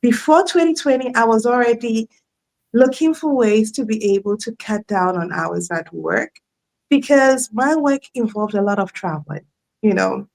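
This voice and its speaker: A woman's voice: on the high side, normal speed, vocal fry, darkish tone, poor audio. A woman in her thirties, a guest in a live online interview, telling her story in a chatty way and laughing often.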